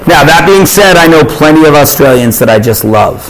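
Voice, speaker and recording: A man's voice: on the high side, expressive, brisk, rough recording. A Canadian man teaching math in a classroom, joking and teasing his students on a chatty tangent.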